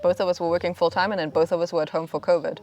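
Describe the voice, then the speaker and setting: Woman host of a cat vlog, chatty, laughs often, lowish voice, faint music. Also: little pitch movement, rapid-fire, darkish tone. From born in Germany, raised in France. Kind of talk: casual chat.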